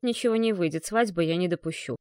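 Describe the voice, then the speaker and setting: A woman's voice: on the low side, quick pace, darkish tone, no echo, close to an everyday voice. A woman voicing a cold, dismissive woman who has been turned into a bio-robot. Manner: dry, dismissive.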